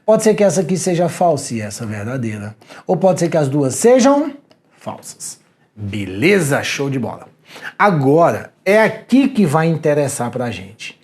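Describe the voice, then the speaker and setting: A man with a Brazilian Portuguese accent teaching an exam prep lesson on video, animated and slangy, talking straight to the viewer. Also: on the high side, moderate pace. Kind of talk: energetic video lecture.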